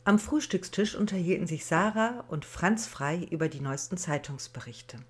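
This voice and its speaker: Low-voiced, husky woman reading. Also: expressive, moderate pace. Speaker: author reading her novel. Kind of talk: audiobook reading.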